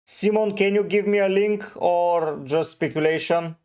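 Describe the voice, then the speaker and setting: A man's voice: high voice, unhurried, darkish tone, smooth. A man from Bulgaria, hosting a casual livestream and giving short, offhand answers to viewers' chat messages. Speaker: fantasy football streamer.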